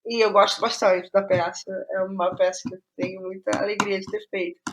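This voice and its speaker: The audio is dull as this Brazilian woman, a guest playwright, talks a little fast in a mid-range, level voice. She reflects informally on how she creates her work, frequently circling back to repeat phrases.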